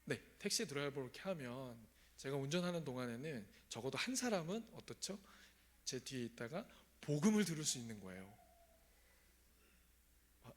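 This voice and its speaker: Guy pastor giving a sermon at church, conversational, keeps asking the crowd stuff, mid pitch. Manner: asks the congregation questions, conversational. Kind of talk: sermon with personal testimony. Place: church sanctuary.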